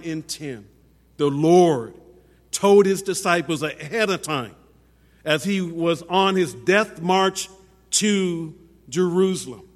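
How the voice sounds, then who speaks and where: A man preaching in a church with a high voice. He speaks slowly and deliberately, hammering points home through repetition. A long reverb hangs behind each phrase, as in a large sanctuary. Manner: emphatic, repeats phrases for stress. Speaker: pastor. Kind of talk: sermon.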